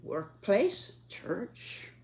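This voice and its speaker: Very old, slow-speaking American woman. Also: mid-range voice, huge pitch swings, a little mellow. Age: 90s, very old. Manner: measured, deliberate, halting elderly delivery. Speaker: speaker giving personal reflections. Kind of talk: reflective monologue.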